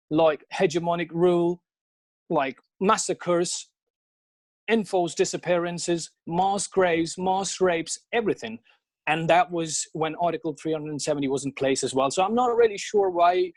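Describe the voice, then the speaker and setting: A man in his thirties from Srinagar, Kashmir, speaks with a Kashmiri accent in a high-pitched, slightly mellow voice with no echo. As an interview guest, he gives emphatic, spontaneous answers that build through lists and questions.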